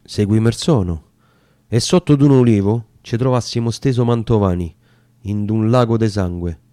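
With a Roman accent, a man delivers a solemn, theatrical recitation of narrative poetry in dialect. His voice is fairly low and mellow at a moderate pace, captured as clean studio sound with no room noise.

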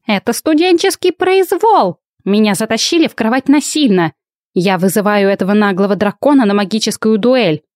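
A woman's voice: mid-range voice, moderate pace, few pauses, a little mellow, dry recording, clean studio sound, lightly acted. A woman voicing an indignant male werewolf professor who protests and snaps back at students. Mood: outraged. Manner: huffy, protesting.

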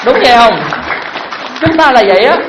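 A Buddhist dharma teacher, giving a sermon with lively storytelling and many questions put to the listeners. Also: high-pitched, brisk, roomy sound, crowd noise, noisy background. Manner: lively storytelling with frequent rhetorical questions to the audience.

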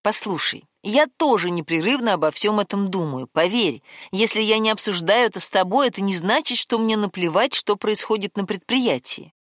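A woman's voice: mid-range voice, animated, normal speed, few pauses, fairly bright tone, no room sound, clean studio sound, natural voice. A woman reading a guarded, evasive man. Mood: defensive. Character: guarded man, a programmer hiding a secret.

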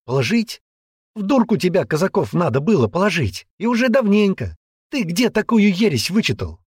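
A man doing a scornful, shouting young woman. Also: very animated, normal speed, husky, dry recording, studio quality, full character voice. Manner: shouting insults, high strained voice. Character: scornful young woman, sharp-tongued, defiant. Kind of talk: audiobook character voice.

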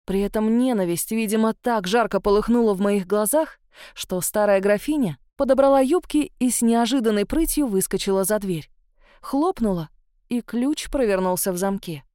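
A woman reading a novel aloud in the first person, telling the story in an expressive, lively way. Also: medium pitch, moderate pace, smooth, no room sound, clean studio sound. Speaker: audiobook narrator.

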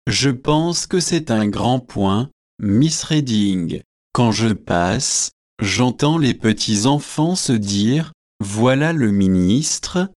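A solemn young clergyman who holds forth at an unhurried pace, read by a man. He sounds pompous and pleased with himself. The sound is dry and close. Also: mid-range voice, animated, a little mellow, no echo. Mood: earnest. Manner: grave, self-satisfied delivery. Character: earnest young male curate, pompous.

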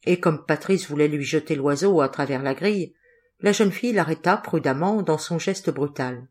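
A woman reading a novel aloud as an audiobook narrator, in a measured, expressive way. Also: low voice. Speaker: audiobook reader. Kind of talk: scripted narration.

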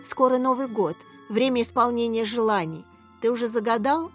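A woman doing a soft-spoken teen girl from a storybook, higher voice, faint music behind. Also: moderate pace, natural voice. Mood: tender. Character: teenage girl, gentle and anxious.

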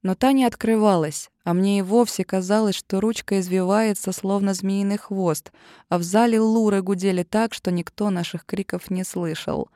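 A woman narrating a first-person fantasy audiobook with tense, expressive storytelling. Her voice sits at a middle pitch. The recording is dry and close, with no room sound. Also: normal speed, dry recording.

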